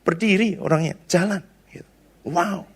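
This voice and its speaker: A man's voice: high-pitched, moderate pace, breathy edge. A male pastor giving a conversational sermon, telling stories in a chatty way with frequent tag questions.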